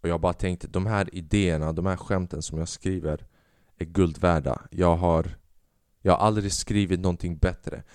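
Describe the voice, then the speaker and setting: A man hosting a podcast, telling a story in a casual monologue, animated and swearing, acting out the people he quotes. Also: deep voice, clean tone, dry recording, clean studio sound. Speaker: podcast host; stand-up comedian.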